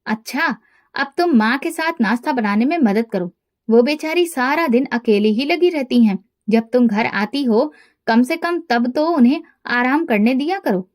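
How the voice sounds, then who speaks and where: A young, easygoing elder brother who teases calmly, read by a woman narrator in a high voice. He sounds relaxed and amused in a storybook way, much like the reader's own voice. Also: unhurried. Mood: teasing. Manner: teasing, calm.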